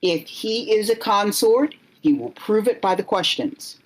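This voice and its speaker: A woman's voice: mid-range voice, lively intonation, measured pace, voice pushed up. A woman voicing a jealous, centuries-old male vampire official who speaks formally and stumbles when cornered.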